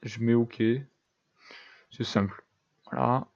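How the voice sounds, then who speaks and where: A man's voice: medium pitch, steady tone, takes it slowly, gravelly, dull audio. A young man giving casual, self-deprecating commentary over a building game, thinking aloud with lots of fillers. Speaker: gaming YouTuber.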